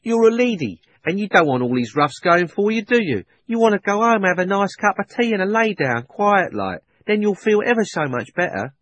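Guy doing a cabby, high husky voice, blunt n coaxing. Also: sing-song, moderate pace, fairly bright tone, heavily acted. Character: red-faced London cab driver, gruff but kindly.

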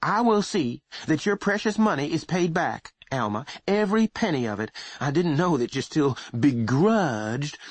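A woman's voice: low voice, sing-song, normal speed, breathy edge, no echo, voice pushed up, heavily acted. A man voicing a pushy, self-pitying middle-aged mother in an audiobook, insistent and plaintive. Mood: cold. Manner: insistent, wheedling, turning plaintive.

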